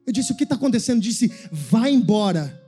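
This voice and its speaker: A man with a Brazilian Portuguese accent preaching a sermon as a pastor. He tells a story quietly, then breaks into a sung, shouting preaching cadence. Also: very high voice, very fast, breathy edge, faint music behind.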